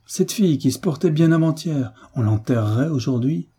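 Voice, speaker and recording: A harsh, cold-tempered landowner barks curt orders and questions in a raised, husky voice, as a male narrator puts him on. The tone is dark and low in brightness, an audiobook figure with a tense, scornful edge. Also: animated, moderate pace. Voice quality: curt and commanding. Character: stern domineering Russian landowner man, cold-tempered.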